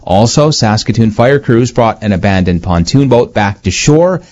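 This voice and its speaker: Man reading news on a tinny clock radio. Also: fairly low pitch. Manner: brisk, lively headline delivery. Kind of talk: newscast reading. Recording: lo-fi, dull radio broadcast sound.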